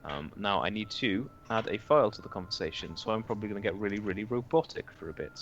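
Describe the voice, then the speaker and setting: A man's voice: on the low side, expressive, quick pace, highs cut off, slight background noise. A man narrating as game master of a tabletop game, hesitant and correcting himself as he goes. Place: home, online voice chat.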